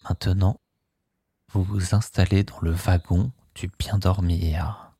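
A man with a very deep, mellow voice leads a guided sleep hypnosis. He speaks extremely slowly in a soothing, hushed way, with a breathy, husky edge, recorded close and dry. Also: fairly even intonation, no echo. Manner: slow, soothing, hushed delivery.

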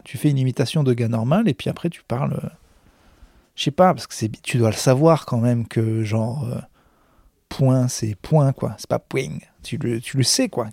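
Gravelly-voiced man rambling backstage. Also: medium pitch, a little mellow, no room sound, clean studio sound. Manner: rambling, self-mocking, many hesitations. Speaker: stand-up comedian. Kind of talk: backstage vlog monologue. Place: backstage room of a comedy club. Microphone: handheld recorder.

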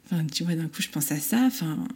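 A woman's voice: deep voice, animated, fast, darkish tone, slightly rough. A woman in her thirties telling a personal story candidly and with animation, acting out the voices in it and laughing often.

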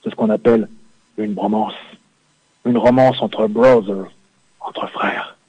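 A man's voice: on the low side, fairly even intonation, takes it slowly, a little mellow, slightly rough, no room sound. A man on a phone line into a radio studio, playing a boastful, suggestive macho biker sidekick from a video game in a comic sketch. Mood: swaggering. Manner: swaggering, suggestive, self-satisfied. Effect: over a phone line into a radio studio. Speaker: caller doing a comedy bit. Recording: dull lo-fi dry phone line.

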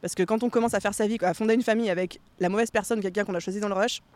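A woman co-hosting a podcast in casual chat, animated and dropping English slang words into her talk. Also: medium pitch, rapid-fire, no room sound. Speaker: podcast co-host.

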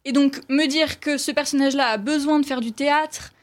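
A woman's voice: high voice, steady tone, brisk. Chatty woman reviewing a film. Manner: hesitant, many fillers and restarts. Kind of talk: casual film review chat.

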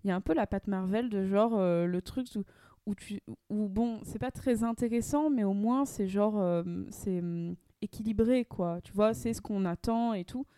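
A woman's voice: mid-range voice, normal speed, dark tone, clean tone, dry recording. Young female co-host, loose rambling delivery, dry booth sound. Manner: rambling, many fillers and restarts. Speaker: podcast co-host. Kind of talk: casual chat.

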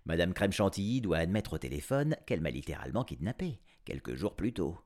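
Expressive man reading a story aloud. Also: low voice, fairly quick. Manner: expressive, playful first-person telling. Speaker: narrator. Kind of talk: audiobook storytelling.

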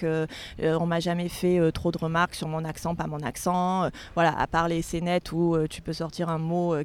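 A woman's voice: fairly low pitch, darkish tone. Hesitant Marseille woman in interview. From Marseille, France. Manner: hesitant, many fillers and restarts. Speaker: author and journalist guest. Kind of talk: casual interview.

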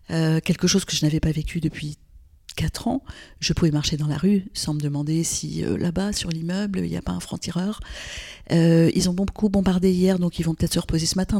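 In a lowish, mellow voice, an older woman gives a reflective interview as a guest. She is a gynecologist from Lebanon who weighs her words, frequently hesitating and restarting.

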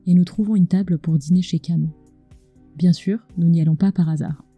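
In a scripted podcast, a woman who hosts as a culinary storyteller speaks close to a microphone with an acoustic screen, intimate and right in the listener's ear. Her voice sits on the low side, mellow and slightly rough, at a moderate pace with fairly even intonation, no room sound, and faint music behind.

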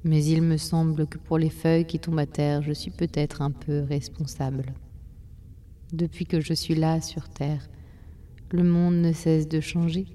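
A woman voicing Time, soft and deep. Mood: calm, slow. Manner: slow, calm, unhurried. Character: Time, a slow old voice inside a stone.

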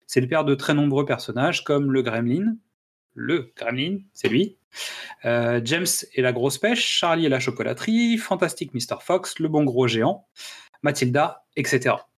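A man's voice: medium pitch, expressive, normal speed. A man hosting a casual film-review podcast, talking with frequent hesitations and restarts. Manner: hesitant, many "euh" and restarts. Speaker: podcast host.

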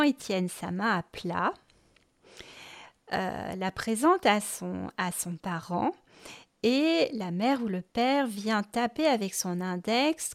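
A woman hosting a podcast, explaining music lessons for children patiently and step by step, with hesitant fillers as she thinks. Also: medium pitch. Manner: patient, explains step by step, addresses the listener informally. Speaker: podcast host and music teacher.

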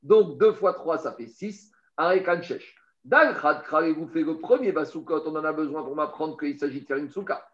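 A man with a somewhat high voice teaches a Talmud lesson, walking through each point step by step and talking straight to the listener. He often repeats words while he searches for how to put things. The sound is roomy and a bit dull, like a lo-fi recording. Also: normal speed, a bit bright. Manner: explains step by step, addresses the listener directly.

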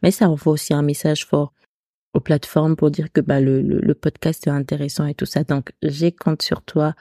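A woman with a deep, dark voice hosts her own podcast, speaking at normal speed in a flat delivery with a non-standard French accent. Her solo talk is casual and hesitant, full of restarts. The recording is dry and of studio quality.

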